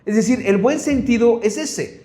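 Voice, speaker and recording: A Mexican man preaches a sermon in a fairly high voice, with a Mexican Spanish accent. He drives his points home by stacking rhetorical questions, and his voice rings in an echoey room. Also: lively intonation, moderate pace, mellow. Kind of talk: sermon Bible study.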